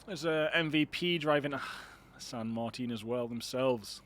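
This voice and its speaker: Casting a shooter match online by himself, this man keeps up a rambling, chatty solo commentary and pokes fun at himself along the way. He speaks at a measured pace in a mid-range, slightly bright voice.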